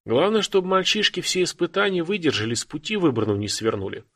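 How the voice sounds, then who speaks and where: A man's voice: fairly high pitch, very animated, fast talker, fairly bright tone, pitched above the performer's own voice, full character voice. Man playing a firm young Cossack lad. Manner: firm, commanding.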